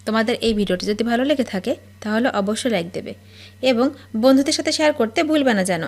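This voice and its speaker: A woman teaching spoken English, reading each phrase and then repeating the English slowly and clearly. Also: fairly high pitch, expressive, a little mellow. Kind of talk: slow phrase-by-phrase language drill.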